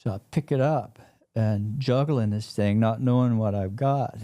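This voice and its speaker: A man telling a personal story in an interview, in a halting, plain-spoken way that repeats words. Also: mid-range voice, warm tone. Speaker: interview guest.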